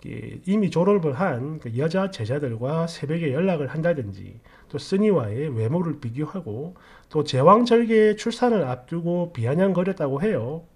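A middle-aged man hosting a story channel, commenting casually on a reader's story and thinking aloud with many pauses. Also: on the high side, animated, breathy edge.

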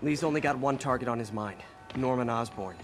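A man's voice: medium pitch, brisk, music in the background, lightly acted. An actor voicing a wisecracking young male superhero in a video game, casual and easygoing. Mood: quippy.

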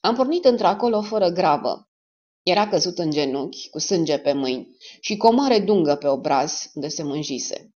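A woman reads a dark crime audiobook in a lowish voice that rises and dips expressively. Her delivery is steady and measured. The recording sounds slightly dull and lo-fi. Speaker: audiobook narrator. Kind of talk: dramatic audiobook narration.

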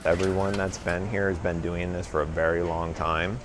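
Deep-voiced middle-aged man explaining machines. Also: level tone, moderate pace, background noise. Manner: enthusiastic, step-by-step explaining. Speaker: print and mail manager. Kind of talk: guided tour, explaining machines. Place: large warehouse and print floor indoors.

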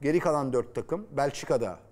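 A man's voice: mid-range voice, lively intonation, a little fast, darkish tone. A man talking as a football pundit in a studio, blunt and teasing, with emphatic opinions.

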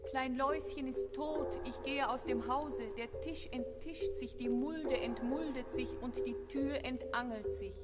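A woman's voice: sits high, a little slow, hardly any pauses, over loud music, pitched above the performer's own voice. A woman voicing Klein Flöchen, a little grieving flea. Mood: lamenting.

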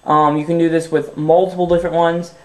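This casual phone tutorial comes from a young male tech video host whose nose is running, leaving him a little stuffy. He speaks a little fast, upbeat and laid-back, scattering fillers throughout in a slightly high voice, and there's clear echo in the room.

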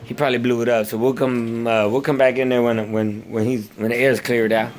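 A man's voice: medium pitch, level tone, brisk, slight background noise. A young man giving a loose, slangy, swearing walking tour of a house, talking to a handheld phone camera. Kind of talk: casual, profane walking tour. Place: inside a house, walking room to room.

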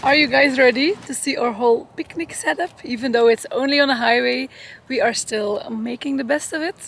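Outdoors by a lake and a road, a young woman vlogging her travels speaks to viewers in a high, gravelly, fairly bright voice, cheerful and chatty and fairly quick. The handheld-camera recording has music under her voice and slight background noise.

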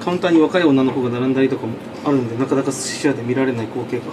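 A man in his thirties talks quickly and easily from behind a small sushi counter, explaining each fish as he prepares it. Restaurant ambience runs loudly under his voice. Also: medium pitch, noisy background. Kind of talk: casual explanation while working.

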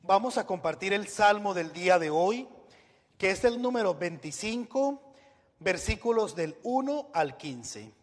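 High-voiced minister in a reverberant church. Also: male voice, expressive. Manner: solemn, measured liturgical delivery. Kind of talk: leading a church service. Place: large church. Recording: long reverb in a large church hall.

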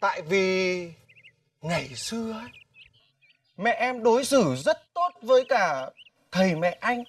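Một nam diễn viên trẻ giọng miền Bắc đóng vai một chàng trai hiền lành, kiên nhẫn, đối xử như người anh với một cậu bé trong phim hài truyền hình. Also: male voice, high voice, very animated, a little slow, pauses often. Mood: gentle. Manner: gentle, patient, brotherly. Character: kind young man, gentle big brother to a boy. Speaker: actor in a TV comedy series. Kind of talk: folk comedy TV drama acting. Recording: distant mic, faint music behind.

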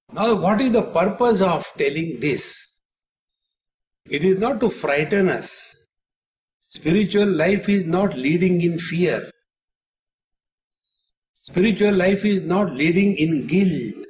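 A man's voice: fairly high pitch, a little hiss or hum. A man, a spiritual teacher, giving a retreat discourse with humorous storytelling and acted dialogue to a live audience.

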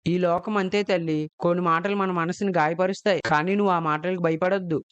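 Storybook dad, tender and reassuring, voice pitched down low and smooth, slightly dull, distant sound, put on by a woman narrator. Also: steady tone, fairly quick, close to an everyday voice. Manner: soft, reassuring, fatherly. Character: gentle caring father, middle-aged man.

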